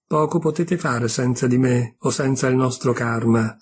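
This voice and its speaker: A man's voice: medium pitch, normal speed, breathy edge. A man reading aloud as a cheerful young male god in a storybook tale. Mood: playful. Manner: laughing, tender reading voice.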